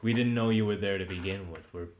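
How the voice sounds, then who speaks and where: A man's voice: lowish voice, quick pace, a little mellow. Dry-humored guy playing a tabletop game, little hiss behind. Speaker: player.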